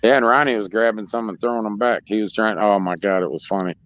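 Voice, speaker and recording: A man's voice: fairly low pitch, fairly even intonation, fast, fairly bright tone. A man co-hosting a racetrack show in casual chat, rambling through restarts and laughing often. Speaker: racetrack co-host. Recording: dull lo-fi sound.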